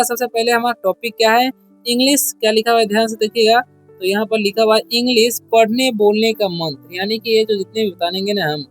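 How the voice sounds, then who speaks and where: A man with a high voice gives a beginner's English lesson. He keeps asking his own questions and answering them, repeating every point patiently. Soft music plays faintly behind him. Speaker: English teacher.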